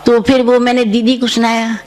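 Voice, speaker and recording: An older woman, a senior spiritual teacher, recounting her dreams to a retreat audience in a gentle storytelling way, repeating her phrases as she goes. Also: on the high side, level tone, moderate pace. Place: retreat centre.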